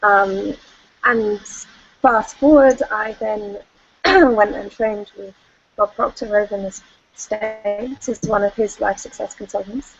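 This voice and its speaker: A woman's voice: medium pitch, steady tone, takes it slowly, gravelly, slight background noise. Chatty woman on a dull call line. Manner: chatty and candid, with frequent fillers and laughter. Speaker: life coach speaking at an online event. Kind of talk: personal storytelling on a conference call.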